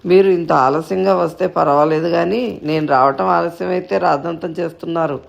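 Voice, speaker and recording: A man's voice: on the high side, fairly even intonation, moderate pace, gravelly. Scolding old grandmother, read by a man. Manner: scolding, complaining. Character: scolding old grandmother, worried and quick-tempered.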